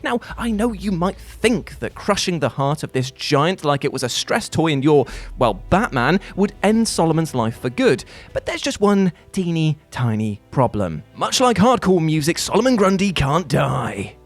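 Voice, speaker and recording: A man's voice: on the high side, big pitch swings, moderate pace, faint music behind. A man hosting a scripted video game countdown in a playful, jokey, theatrical manner. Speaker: host.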